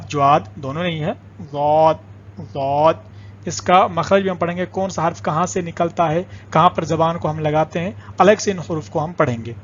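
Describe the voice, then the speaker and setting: A man with a fairly high voice gives a patient alphabet lesson and says each letter sound several times so learners can copy it. The recording sounds dull and lo-fi. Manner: slow, patient, repeats sounds aloud for drilling. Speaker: language teacher.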